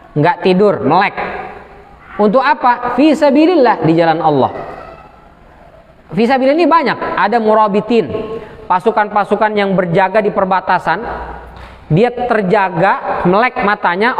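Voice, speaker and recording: A man giving a lively sermon to a congregation. He acts out questions from the listeners and chants quotations slowly. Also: sits high. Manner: chants Arabic quotes slowly. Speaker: preacher. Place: mosque study hall. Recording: long hall reverb.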